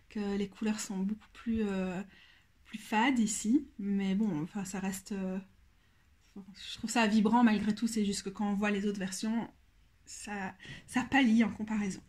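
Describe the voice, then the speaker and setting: A woman casually walking through a card deck on her channel, speaking in a thoughtful, hesitant way and often pausing to search for words. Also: medium pitch, flat delivery, a little mellow. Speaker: tarot deck reviewer.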